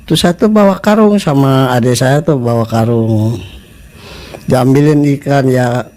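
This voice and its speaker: A man's voice: mid-range voice, measured pace. A man telling a true-life ghost story in casual, rambling speech, repeating words. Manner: rambling, repeats words, acts out shouted quotes.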